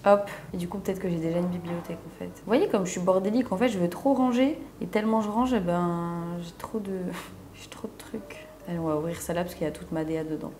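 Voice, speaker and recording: A young woman walks viewers through video editing in a loose, slangy, self-mocking chat. Her voice is warm and mellow, with a faint hum of room noise behind her. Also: lowish voice, steady tone, fast talker, few pauses. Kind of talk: casual tutorial.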